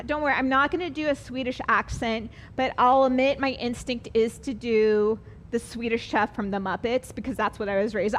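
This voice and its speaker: A woman's voice: sits high, a little hiss or hum. A woman teaching a live online cooking class, chatty and upbeat, explaining each step as she works.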